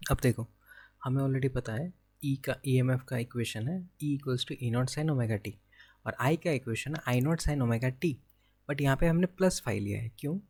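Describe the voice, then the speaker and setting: A man's voice: mid-range voice, darkish tone. A young man with an Indian accent giving a physics exam-prep lecture, working through problems step by step and asking himself questions before answering them. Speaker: physics teacher.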